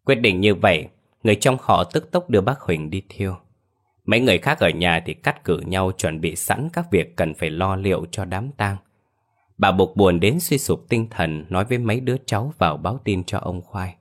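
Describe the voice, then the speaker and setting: A man narrating a scripted horror story in a steady, measured way. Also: deep voice.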